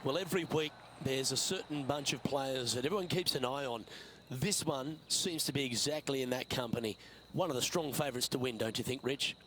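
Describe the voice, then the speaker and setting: A man playing a composed lead golf commentator, calling each shot in a measured broadcast style for a video game. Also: mid-range voice, a bit bright, a little hiss or hum, close to an everyday voice. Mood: composed, engaged. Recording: crowd and outdoor ambience behind.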